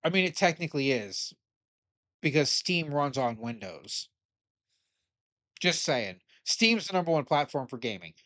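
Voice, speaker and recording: A man with a fairly high voice talks through a news article in a casual, blunt way, cursing now and then and pushing back on what it says. The sound is dry and close, with no room around it. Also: big pitch swings, measured pace, pauses often, a bit bright, no echo. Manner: blunt, opinionated, swears casually; argues with the article as he reads it aloud. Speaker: commentator.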